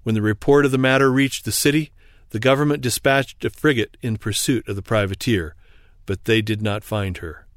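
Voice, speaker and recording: A man calmly reading an old first-person sea memoir aloud in a measured, formal manner. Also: mid-range voice, no echo, studio quality. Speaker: audiobook reader. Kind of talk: scripted narration of a memoir.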